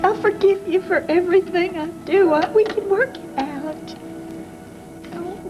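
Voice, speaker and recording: A woman's voice: very high-pitched, a little slow, highs cut off, over music. An actress playing a flamboyant, doting middle-aged woman in a 1990s soap opera, talking in a theatrical, overwrought way. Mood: pleading.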